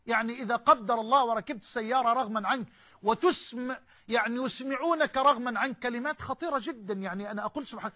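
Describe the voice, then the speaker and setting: A man's voice: extremely high pitch, pushed and bright. A man preaching a sermon with an Egyptian Arabic accent, impassioned and rising to emphatic outbursts.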